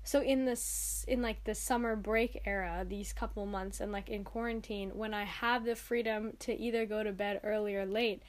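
A woman's voice: mid-range voice, fairly even intonation, moderate pace, hardly any pauses. A young woman hosting a casual solo podcast, sounding tired and stuffy-nosed, talking in an informal, rambling and emphatic way. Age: young adult. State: tired, congested. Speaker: podcast host.

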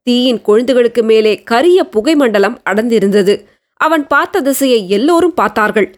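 A woman narrating a historical novel as an audiobook, with steady storytelling. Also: a little high, normal speed.

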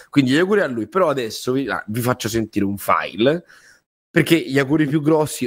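A man's voice: medium pitch, no echo. Guy hosting sports radio, chatty, stumbles and restarts, mid voice, really dry close mic. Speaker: radio host. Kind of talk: conversational sports radio presenting.

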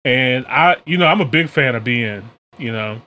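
A man's voice: medium pitch, lively intonation, normal speed, pushed and bright. Casual American man, noisy background. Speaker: podcast and reaction video host. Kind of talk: casual slangy chat. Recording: clear background noise.

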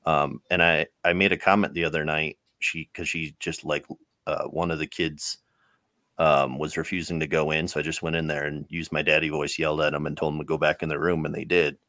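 Brief: deep, bass-heavy man, candid and profane storyteller on a dry podcast mic. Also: flat delivery, fairly quick, pushed and bright, no echo. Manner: candid storyteller, swears freely. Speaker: correctional officer, sergeant. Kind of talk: casual podcast chat.

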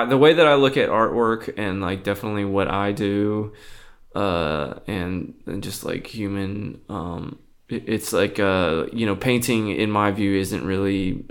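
A young man with a low, gravelly voice talks as a guest on a podcast. He rambles and halts, trailing off and restarting his thoughts as he describes his creative work. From Boston area. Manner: rambling, halting, many fillers and restarts. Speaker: artist guest. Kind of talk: casual interview chat.

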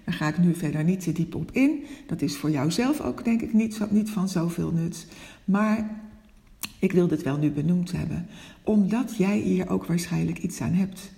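A woman coach talks through a personal, reflective monologue in a gentle, open way. Her voice has a gravelly fry, and now and then she stutters on a word or swaps in another one. The recording has a long, lingering reverb. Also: on the low side, normal speed. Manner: stutters now and then, searches for other words, speaks gently and openly. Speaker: coach and podcast host.

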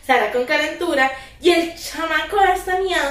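A Costa Rican woman in her twenties telling a story in casual chat, animated and slangy, acting out her own shouts. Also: sits high, moderate pace, echoey room, far from the mic. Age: 20s.

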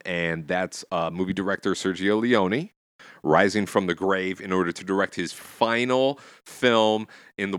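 A man's voice: low-pitched, fairly bright tone, dry recording, clean studio sound. A man hosting a podcast, chatting casually about film in a rambling, conversational way. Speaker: podcast host.

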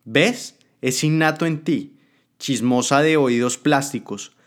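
A man's voice: mid-range voice, slow, lightly acted. A man voicing a cruel, ruthless woman politician who taunts and threatens, in a dramatic spoken story. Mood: scornful. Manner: taunting, contemptuous.

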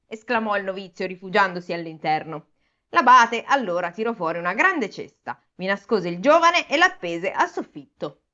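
A woman reading a folk tale aloud in an animated, amused way, chatting between passages. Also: medium pitch, moderate pace. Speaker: storyteller. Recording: dull lo-fi recording.

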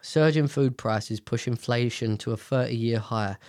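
A man's voice: medium pitch, measured pace, a little mellow, no room sound, clean studio sound. A British man hosting a casual, rambling commentary on the news in a nasal voice, congested from a sinus infection, blunt and sweary. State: blocked nose from sinus infection. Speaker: host.

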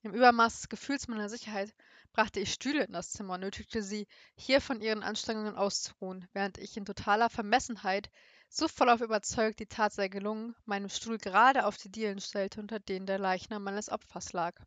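A woman's voice: mid-range voice, fairly even intonation, brisk, fairly bright tone, no room sound. A young woman who reads a story aloud with building intensity and chats casually about it. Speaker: story reader. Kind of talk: dramatic story reading and casual chat.

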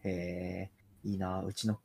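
A man's voice: deep voice, monotone, a little slow, vocal fry, dark tone, breathy edge. A man from Nagoya, a guest on a casual podcast, thinking aloud in a musing way with hesitant restarts. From Nagoya, Japan. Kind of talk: casual chat.

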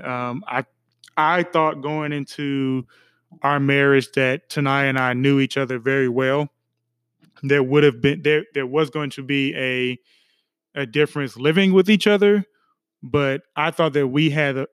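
Smooth-voiced young man, relaxed chat. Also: mid-range voice, no echo. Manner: relaxed, reflective, with many fillers and restarts. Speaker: podcast co-host. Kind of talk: casual chat.

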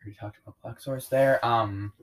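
A man's voice: mid-range voice, fairly even intonation, moderate pace, poor audio. A man co-hosting a casual podcast, chiming in with laid-back, offhand remarks. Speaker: podcast co-host. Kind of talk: casual chat.

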